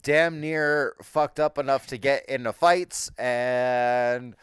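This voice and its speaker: A man's voice: mid-range voice, steady tone, slow, clear, resonant tone, dry recording, clean studio sound. A man in casual chat over an online voice call, telling a rowdy story with laughs and swearing. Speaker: tabletop game player. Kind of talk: casual chat before a game session.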